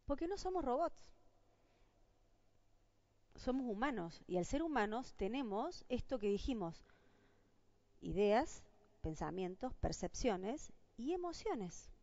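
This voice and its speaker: A woman's voice: on the high side, very animated, slow pace, long pauses, darkish tone, no echo. An Argentine woman giving a university lecture on job interviews, asking her audience rhetorical questions. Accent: Argentine Spanish. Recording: dull lo-fi dry sound.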